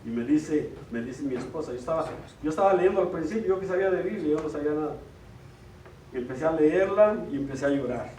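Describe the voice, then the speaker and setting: A man's voice: a little high, animated, fast talker, darkish tone, slight background noise. A middle-aged man giving an earnest church retreat talk, often checking in with listeners. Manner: earnest, questions the audience with tag "ok?". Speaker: lay speaker at a church retreat. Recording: roomy hall, from far off.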